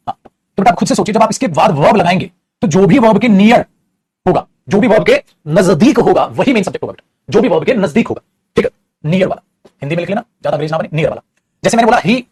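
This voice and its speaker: A man's voice: high voice, a little mellow, husky. A man with an Indian accent teaching an English grammar lesson in Hindi, repeating each point and calling his students "beta".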